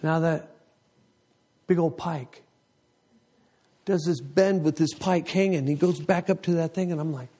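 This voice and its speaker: Man in his 50s, church leader telling his story to the congregation, gets all worked up and loud, voice climbs high. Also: unhurried, long pauses. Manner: animated storytelling, voice surging high with excitement. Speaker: ministry leader. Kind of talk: emotional testimony to a congregation.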